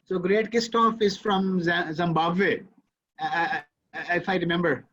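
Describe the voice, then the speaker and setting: A man's voice: sits high, steady tone, measured pace, a bit bright. A man politely introducing students on a video call, calling the host sir. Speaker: course organizer introducing students. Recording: muffled video call audio.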